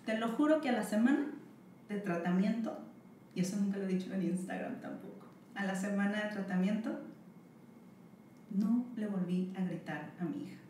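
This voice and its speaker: A woman guest telling a candid personal story in a frank, halting way with many fillers. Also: medium pitch, lively intonation, dark tone. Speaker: podcast guest. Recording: roomy, distant mic, faint noise.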